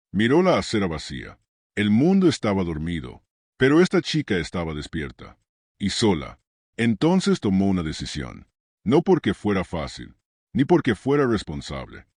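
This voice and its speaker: Man, deep voice, expressive melody, scripted story narration, dry close sound. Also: no echo. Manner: measured, dramatic pauses.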